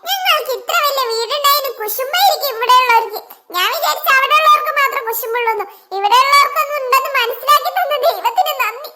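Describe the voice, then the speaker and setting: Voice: very high voice, quick pace, heavy background noise. A performer voicing a chatty, slightly forgetful mother in a cartoon. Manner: chatty, exclaiming. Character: chatty mother, newly moved in, a bit forgetful. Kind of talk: cartoon voice acting.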